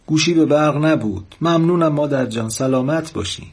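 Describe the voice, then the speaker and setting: A man voicing a lonely elderly village mother who speaks softly and tenderly, with a husky voice raised well above his own. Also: a little high, voice pushed up. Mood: joyful. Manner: soft, sighing and tender.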